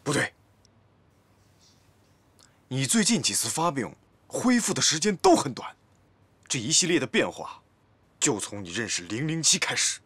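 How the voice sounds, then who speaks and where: A man's voice: mid-range voice, very animated, normal speed, long pauses, fairly bright tone, husky, dry recording. An actor in his twenties playing a playful, teasing young office employee in a light TV drama, with a theatrical delivery. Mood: curious. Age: 20s. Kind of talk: light comedic TV drama dialogue.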